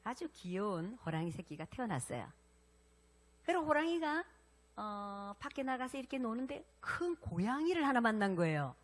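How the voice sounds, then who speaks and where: A woman pastor preaching a sermon, animated and interactive, prompting her congregation to respond. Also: a little high, normal speed.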